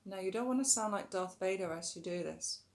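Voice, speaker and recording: Calm and instructive, a woman teaches yoga breathing in a mid-range voice that's somewhat rough today. At moments she draws words out and drops softer to guide the breath.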